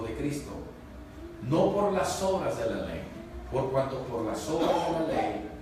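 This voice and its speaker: A man, a pastor preaching a sermon emphatically, swinging between loud rises and low hushed lines, often asking the congregation for agreement. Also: noisy background. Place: church hall. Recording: echoey church from far off.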